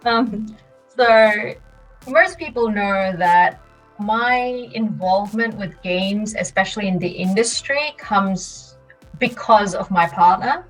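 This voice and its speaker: A woman's voice: mid-range voice, slow pace, distant mic, soft background music, poor audio. Woman telling stories, a little off-mic. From Malaysia. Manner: lively storyteller, laughs often. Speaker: podcast guest. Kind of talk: casual storytelling interview.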